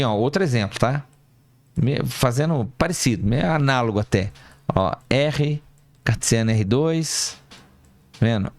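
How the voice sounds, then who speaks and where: A man's voice: medium pitch, no echo. Man lecturing at a math board. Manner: talks students through each step, asking and answering himself; checks himself aloud and corrects slips. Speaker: math professor.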